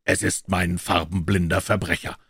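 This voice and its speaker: A man voicing a calm, observant detective in an even, measured way. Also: low voice, breathy edge, no echo, studio quality, exaggerated voice.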